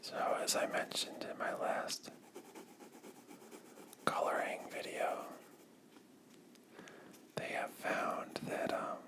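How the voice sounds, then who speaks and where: A YouTuber whispering softly and slowly into a close microphone while chatting through a coloring session, with pauses and drifting thoughts. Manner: soft unvoiced whisper, slow and drifting. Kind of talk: whispered ASMR coloring chat.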